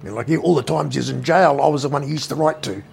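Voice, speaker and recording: A heavily gravelly, rough-edged man's voice sitting a touch high for a man. He speaks with a New Zealand accent and looks to be in his fifties. He tells rambling family anecdotes bluntly, with swearing all through. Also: quick pace, a little hiss or hum. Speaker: interviewee, brother. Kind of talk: casual storytelling interview.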